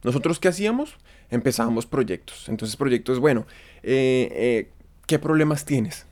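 A man's voice: mid-range voice, expressive, moderate pace, darkish tone. A man with a Colombian accent telling stories casually in conversation, with slang, swearing and bits of acted-out dialogue. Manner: slangy, profane, acts out quoted dialogue. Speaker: interview guest.

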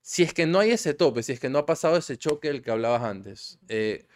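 A man in casual chat, asking a question haltingly while searching for words. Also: mid-range voice, animated.

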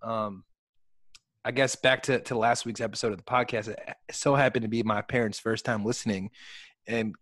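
A man's voice: lowish voice, fairly even intonation, normal speed, fairly bright tone, no echo. Casual young man, dry close sound. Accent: Chicago. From Chicago. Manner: loose, swears casually, many fillers. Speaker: podcast co-host. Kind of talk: casual chat.

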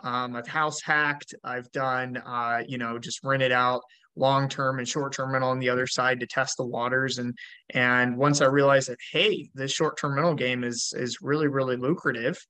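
A man's voice: medium pitch, level tone, normal speed, sharp tone, no room sound. A man from Georgia talking as a podcast guest, chatty, with many fillers and restarts. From Georgia, US South. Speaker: podcast guest, rental investor. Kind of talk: casual interview talk.

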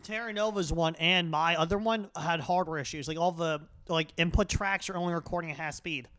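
A man with a notably high voice joins a casual chat. He is terse and matter-of-fact, with faint noise on the recording. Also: a little fast, pushed and bright. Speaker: show participant.

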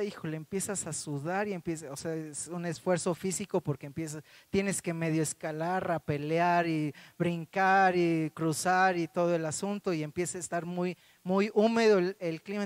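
A man, preaching as a pastor and telling a story, with many halting repeats. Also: high-pitched, dry recording. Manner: halting, repeats words often. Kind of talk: sermon with personal story.

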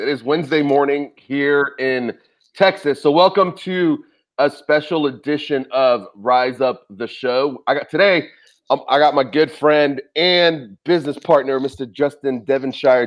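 A man hosting a podcast interview, speaking in a friendly, enthusiastic way over a video call. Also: fairly high pitch. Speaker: podcast host.

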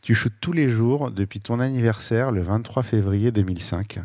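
Friendly male interviewer, lowish voice. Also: moderate pace, a little mellow, no room sound. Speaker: interviewer, host. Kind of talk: casual interview conversation.

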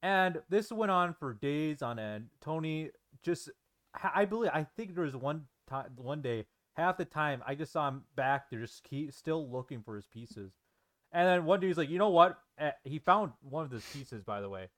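A man's voice: on the high side, expressive, moderate pace, fairly bright tone. A young man co-hosting a casual chat, telling a story with hesitant fillers. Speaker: podcast co-host.

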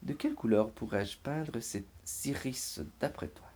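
A man voicing a thoughtful yeti painter in a children's storybook, slow and musing. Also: medium pitch, darkish tone, lightly acted.

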